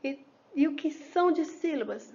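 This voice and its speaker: A woman's voice: high-pitched, expressive, dark tone, dull audio. A woman teacher giving a patient lesson explanation to young children, asking questions and answering them herself. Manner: slow, patient, asks and answers own questions.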